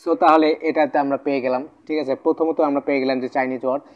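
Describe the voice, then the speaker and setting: A man's voice: medium pitch, steady tone, quick pace, highs cut off. A man teaching a vocabulary lesson in a casual, repetitive way, often checking in with the viewer. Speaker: language tutor.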